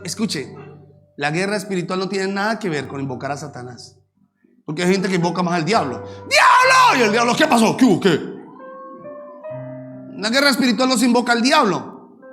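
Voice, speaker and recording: High-pitched pastor guy preaching, gets loud and acts stuff out, soft music behind. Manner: animated preaching, acts out shouted prayers and the devil's replies. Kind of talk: sermon.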